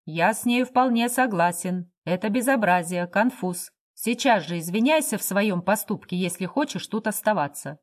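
Woman reading, doing a gruff hearty guy barking orders, storybook. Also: medium pitch, expressive, moderate pace, few pauses, natural voice. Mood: stern. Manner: loud, gruff, proclaiming. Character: hearty man host, blunt and commanding.

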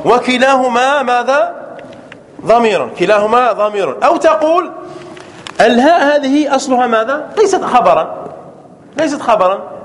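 A man, a sheikh teaching a classroom grammar lesson, quizzing his students and drawing out examples slowly. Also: very high-pitched.

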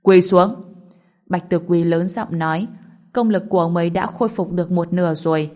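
A woman with a lowish voice reading a martial arts novel aloud. Her narration is steady and even. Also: a little fast. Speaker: audiobook narrator. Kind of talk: storybook narration.

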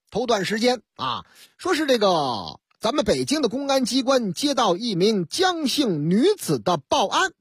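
A woman's voice: fairly low pitch, husky, no room sound, clean studio sound. A woman radio host, telling news as a comic story and acting out the dialogue.

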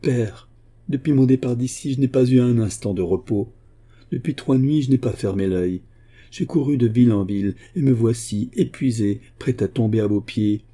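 A man's voice: medium pitch, normal speed, dark tone, pitched above the performer's own voice, natural voice. A man voicing a desperate, breathless young woman pleading with her father. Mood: exhausted.

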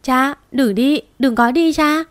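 A woman's voice: high voice, takes it slowly, no echo, pitched above the performer's own voice. A woman voicing a big but cowardly younger brother who sobs and pleads in a panic. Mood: panicked wailing. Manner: sobbing, frantic pleading.

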